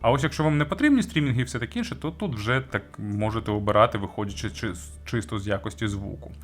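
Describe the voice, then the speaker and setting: Faint music sits behind an audio gear reviewer whose fairly low voice is animated and quick. As host, he walks through the product in a casual, conversational, semi-scripted review.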